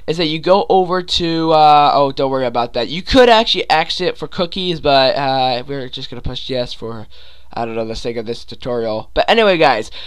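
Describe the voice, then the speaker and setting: This young male gaming YouTuber talks through a screen-recorded game tutorial while fighting a sore throat and a stuffy nose. He rambles, stopping to restart and dropping in plenty of fillers. His medium-pitched voice is clear and resonant, with lively intonation and a slightly quick pace.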